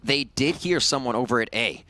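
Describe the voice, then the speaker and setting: A man's voice: mid-range voice, lively intonation, moderate pace, background noise. A man giving live esports commentary as an analyst caster alongside the match.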